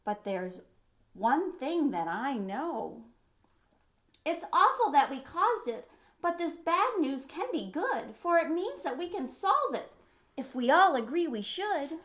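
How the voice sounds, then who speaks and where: A woman's voice: high-pitched, big pitch swings, slow, a bit bright, voice pushed up, full character voice. A woman voicing an earnest male fish from a picture book, rallying others in singsong rhyme. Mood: earnest, hopeful.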